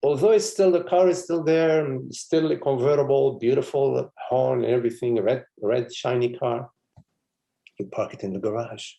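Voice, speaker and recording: A man's voice: mid-range voice, normal speed, gravelly, dark tone. A man, a spiritual teacher, giving a meditative live satsang talk in a meandering, conversational way with frequent chuckles and asides.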